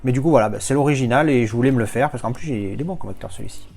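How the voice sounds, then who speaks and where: A man's voice: medium pitch, racing, vocal fry, a little mellow. A man from France chatting casually as he unboxes his latest movie discs, rambling with playful asides.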